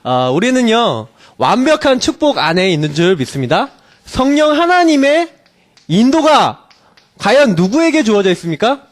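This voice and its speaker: Male pastor with a very high, lively voice that swings widely, preaching in a casual, questioning way. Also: normal speed. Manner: animated preaching with many rhetorical questions; casual and personal, telling stories from his own family. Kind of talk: sermon.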